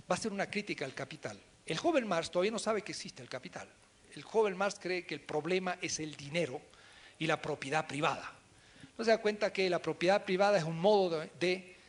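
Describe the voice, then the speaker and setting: Guy lecturing a class, pretty high voice for a man, very animated, gets loud then drops to quiet asides. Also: a little hiss or hum. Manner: addresses the class directly. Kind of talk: philosophy lecture.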